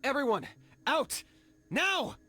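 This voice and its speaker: An actor playing an earnest, resolute young hero in a video game, speaking sincerely and with urgency. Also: male voice, fairly high pitch, big pitch swings, normal speed, a bit bright, a little hiss or hum. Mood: urgent.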